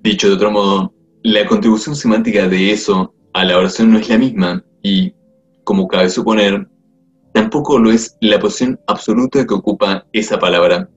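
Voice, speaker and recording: A man reads a grammar textbook aloud at a measured, explanatory pace. His voice sits on the low side. The recording is muffled and lo-fi, with faint music under it. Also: fairly even intonation. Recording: dull lo-fi audio with faint music.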